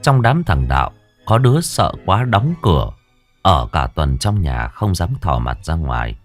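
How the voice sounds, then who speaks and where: A man narrating a village ghost story in a lively, dramatic way, acting out the characters as he goes. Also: sits low, a little slow, faint music behind.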